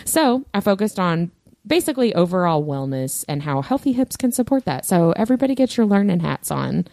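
A woman's voice: lowish voice, sing-song, brisk, gravelly, dark tone. A woman co-hosting a casual podcast, chatty and laughing often as she explains. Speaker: podcast co-host.

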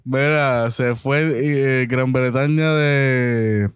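A Puerto Rican man co-hosting a casual talk show, taking his time over each phrase. His voice is smooth and clean, and it sits dry and close on the mic. He jokes and teases as he talks. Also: medium pitch, steady tone, extremely slow, no echo. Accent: Puerto Rican Spanish. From Puerto Rico. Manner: joking, teasing banter. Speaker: co-host. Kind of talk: casual chat.

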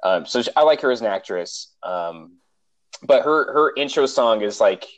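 A young man co-hosting a podcast in casual chat, chatty and quick to laugh. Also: medium pitch, expressive, poor audio. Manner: chatty, laughs easily, restarts sentences. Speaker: podcast co-host.

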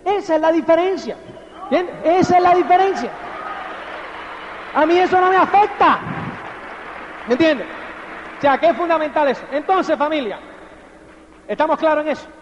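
High-voiced man giving an emphatic motivational talk. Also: lively intonation, normal speed, pauses often, a little hiss or hum. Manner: emphatic, keeps asking the audience if they follow. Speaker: motivational speaker. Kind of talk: motivational talk to a live audience. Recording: echoey hall, dull lo-fi sound.

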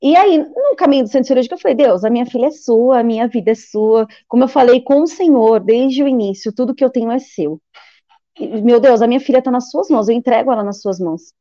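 A woman with a high, dark-toned voice tells a personal testimony at a rapid pace. She is animated and acts out the voices of others. The sound is dry and somewhat muffled. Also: dry recording. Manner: animated, acts out quoted voices and prays aloud. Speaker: guest giving a testimony.

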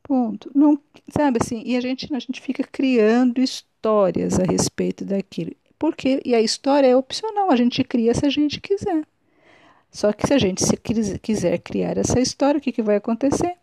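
Woman, podcast host, reflective monologue, gravelly voice, dry close sound. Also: on the high side, animated, normal speed, mellow, no echo. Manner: musing, many restarts and self-corrections.

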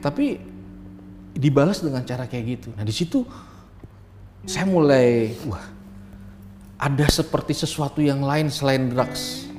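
A middle-aged man from Ambon tells his life story with earnest feeling, and his voice drops low and soft whenever the memories turn tender. His voice carries a long reverb, as if the room were large, with faint guitar music behind him. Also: unhurried, pauses often. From Ambon, Indonesia. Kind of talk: emotional personal storytelling.

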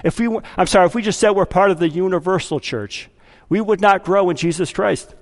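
A pastor preaching to his congregation in a church sanctuary. He has a high voice, and it rings out through a long, echoing hall. He keeps his preaching conversational, putting on little voices for the people he quotes and firing questions at the listeners. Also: a little fast. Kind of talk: sermon.

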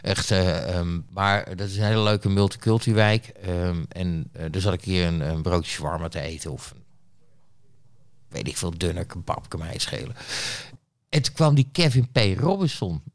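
A deep-voiced man speaking at normal speed is interviewed as a guest, a street reporter. He tells a casual story in a blunt, rambling way, full of fillers and restarts.

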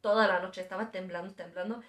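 A woman's voice: medium pitch, fairly even intonation, fast, fairly bright tone. A woman casually telling a story as a podcast guest, laughing as she talks. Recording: echoey room.

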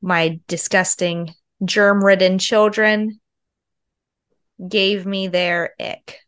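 A woman in her thirties co-hosts a podcast while nasal and sick with a cold, chatting like a confiding storyteller. Her mid-range voice is flat in delivery and extremely slow, with a clear, resonant, slightly bright tone.

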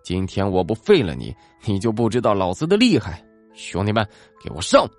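A man's voice: lowish voice, wildly swooping pitch, a little fast, no room sound, faint music behind. A man playing an arrogant, hot-tempered school bully who blusters and threatens. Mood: menacing.

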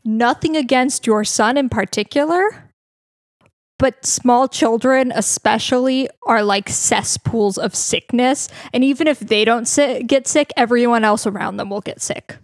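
A woman's voice: on the high side, unhurried, no room sound, studio quality. A woman co-hosting a trivia podcast, chatting casually and stating her views firmly. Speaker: podcast co-host. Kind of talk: casual chat.

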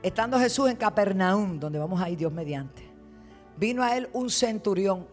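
A woman preaching a sermon as a guest preacher, retelling scripture dramatically and dropping to low asides. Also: animated, moderate pace, faint music behind.

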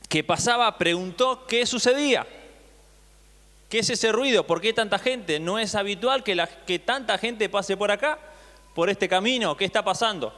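A man's voice: high voice, a bit bright. A male pastor preaching a sermon, reading scripture aloud and retelling it with acted voices, often asking the congregation questions. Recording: long hall reverb.

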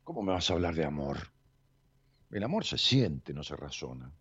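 Speaking with an Argentine Spanish accent, a man with a very deep, slightly bright, breathy-edged voice leads a confrontational one-on-one counseling session at a moderate, sing-song pace. He's blunt and emphatic, swearing and pushing with repeated questions, all captured in dull lo-fi sound.

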